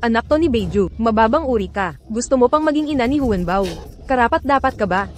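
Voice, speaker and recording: A woman's voice: fairly high pitch, lively intonation, fairly quick, background noise, natural voice. A woman voicing a haughty, jealous young rival in a dubbed drama, accusing and contemptuous. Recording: dub with clear music underneath.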